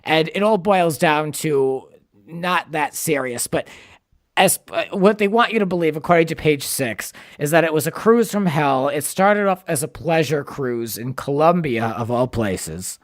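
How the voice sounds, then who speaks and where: A man's voice: fairly high pitch, animated, measured pace, dry recording, studio quality. A man hosting a podcast, chatting casually about reality TV with lots of fillers and easy laughter. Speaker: podcast host. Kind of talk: casual chat.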